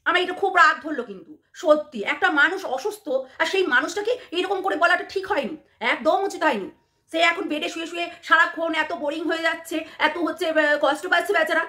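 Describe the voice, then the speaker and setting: Fast, bright-voiced scolding woman. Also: extremely high pitch. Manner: scolding, repetitive, taunting. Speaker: vlogger. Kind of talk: angry rant to camera.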